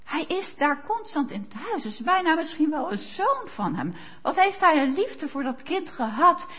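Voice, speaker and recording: A woman preaching a sermon, slow and emphatic, rising to fervent quoted prayers. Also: high-pitched, big pitch swings, fairly bright tone. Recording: dull lo-fi sound.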